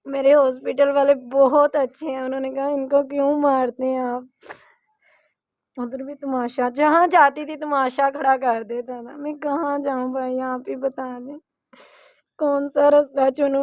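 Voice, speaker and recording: A woman's voice: high-pitched, flat delivery, no echo. Woman, pleading, upset, dull muffled dry audio. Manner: pleading, distressed. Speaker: interviewee, mother. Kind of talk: emotional personal account.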